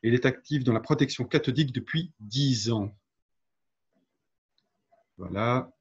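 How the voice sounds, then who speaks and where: A man's voice: medium pitch, a little slow, breathy edge. A man hosting and moderating an online seminar, introducing and helping speakers. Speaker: webinar host. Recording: dull lo-fi video call audio.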